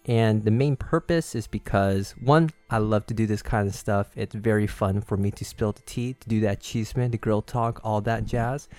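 A man with a voice on the low side hosts a casual solo podcast in a series, sharing personal stories in a chatty, confiding tone. He begins calm and unhurried and grows more animated as he goes. There is no room sound.

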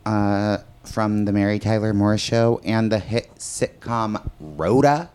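Low-pitched male guest, hesitant and filler-heavy, in casual banter. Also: slow pace, darkish tone, clear, resonant tone. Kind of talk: casual comedic podcast chat.

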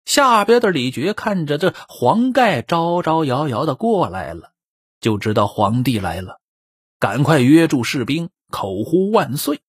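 Male traditional storyteller, husky voice, animated, dry close recording. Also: fairly high pitch, unhurried, no echo. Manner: animated, swinging between loud exclamations and quiet asides.

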